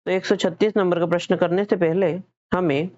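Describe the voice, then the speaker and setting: A man's voice: high-pitched, steady tone, a little fast, a little mellow, no room sound. Hindi-accented guy teaching exam prep, keeps asking then answering, dry dull lo-fi sound. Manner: explains step by step, repeating and self-correcting; asks questions then answers them.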